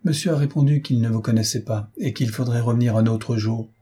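Brief: grumpy elderly female servant in an audiobook, put on by a man, sour tone, husky. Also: mid-range voice, a little fast, dark tone, lightly acted. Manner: sour, grumbling.

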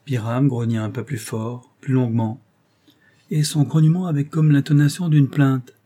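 A man reading a novel aloud with steady narration. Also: medium pitch, moderate pace. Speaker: audiobook reader.

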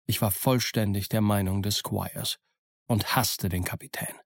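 A man reading a novel aloud as an audiobook narrator, in steady storytelling. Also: fairly low pitch, measured pace, gravelly, dry recording, studio quality.

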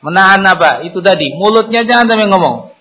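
A man preaching a Friday sermon in a mosque, lively and conversational, with sudden lifts in pitch and rhetorical questions. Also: fast, a little hiss or hum, low-quality recording.

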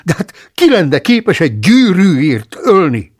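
A man voicing an irritable, easily alarmed abbot in an audiobook, speaking with a gravelly, husky edge. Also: medium pitch, heavily acted. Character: irritable fearful male abbot. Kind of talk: audiobook character voice.

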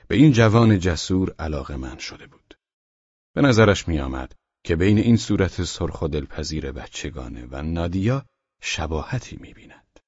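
A man narrating an audiobook in a calm, even storytelling manner. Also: low voice, no room sound, dull audio.

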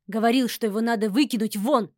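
A woman's voice: on the high side, fast, darkish tone, dry recording, studio quality, lightly acted. A woman voicing an old household servant who reproaches his mistress insistently. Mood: reproachful.

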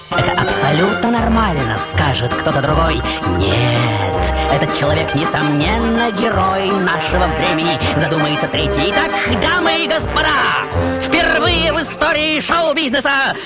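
A woman's voice: on the low side, animated, normal speed. A woman announcing a show like a ringmaster, in a grand, dramatic build-up. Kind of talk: theatrical ringmaster-style show introduction. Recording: loud music behind. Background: loud music.

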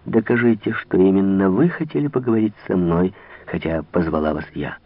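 A man reading the lines of a proud, quick-tempered young princess at a royal court, in an old radio reading. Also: low voice, no echo. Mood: coaxing. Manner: haughty, then pleading. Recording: tinny old radio broadcast.

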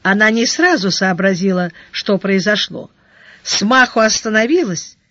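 A narrator reading a fantasy novel aloud in a slow, steady, measured way. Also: mid-range voice, no echo. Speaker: audiobook narrator. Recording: dull lo-fi dry recording.

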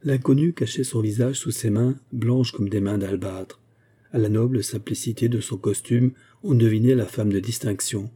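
A man narrating a classic novel as an audiobook in a measured, even storytelling manner. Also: medium pitch, slightly rough. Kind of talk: scripted literary narration.

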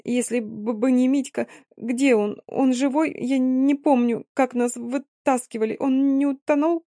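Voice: high-pitched, fairly even intonation, unhurried, no room sound, clean studio sound, pitched above the performer's own voice. A reader voicing a shaken young woman. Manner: faltering, soft, teeth chattering. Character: young woman, frightened and frozen.

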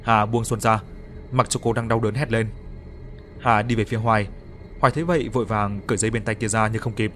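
A man narrating a horror story for an audiobook in a steady storytelling voice. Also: fairly low pitch, brisk, soft background music.

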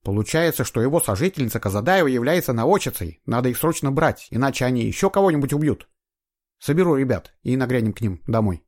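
A skeptical, blunt police detective, as a male reader puts him on in an audiobook. His voice sits above the reader's own and moves a lot, brisk and doubting. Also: mid-range voice, expressive, darkish tone, voice pushed up, close to an everyday voice.

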